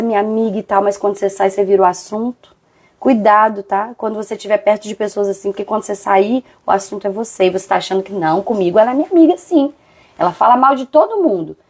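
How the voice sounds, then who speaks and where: A woman hosting a live devotional talk, chatty and animated, acting out quoted friends. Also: medium pitch.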